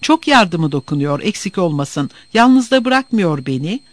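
A man voicing a gentle, dreamy eccentric who answers mildly and calmly. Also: sits high, unhurried, no echo. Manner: mild, pleading when upset.

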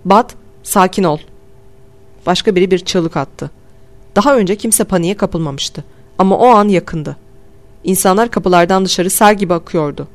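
A man calmly narrating a first-person audiobook in a measured storytelling voice. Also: high voice. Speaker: audiobook reader.

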